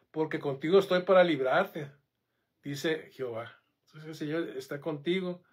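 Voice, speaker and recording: A man preaching a sermon, animated and conversational, often checking in with the congregation. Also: a little high.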